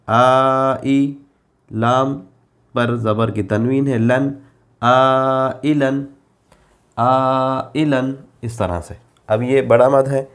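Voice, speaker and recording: A man with an Urdu accent teaching Quran reading in a slow lesson, drawing out the example syllables at length. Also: medium pitch.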